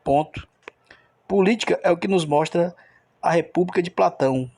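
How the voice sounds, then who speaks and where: A man's voice: sits high, normal speed, a little mellow, no room sound. A man teaching a recorded grammar lesson, explaining step by step and checking in with the listener.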